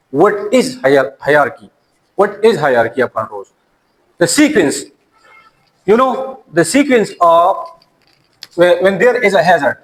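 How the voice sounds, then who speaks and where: A man's voice: on the high side, rough recording. A man, an Urdu speaker, teaching a classroom lecture and often repeating and restarting his words.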